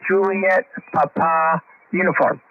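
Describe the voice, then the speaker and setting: A man's voice: fairly high pitch, no echo. Ham radio man calling out call signs. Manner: calls out call signs in the phonetic alphabet, steady and measured. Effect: heard over a ham radio transmission. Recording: muffled radio audio with faint static.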